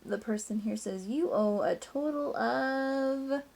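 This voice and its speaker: A woman teacher reads a picture book aloud to children in a high, creaky voice. She gives the words expressive emphasis, draws some out, and drops into hushed asides.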